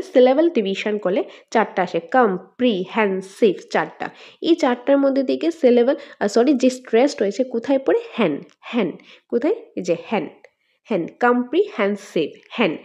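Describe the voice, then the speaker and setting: A woman teacher with a Tripura Bengali accent giving an exam-prep lesson, asking questions and answering them herself and drawing words out slowly to show their syllables. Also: on the high side, mellow. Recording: dull lo-fi sound.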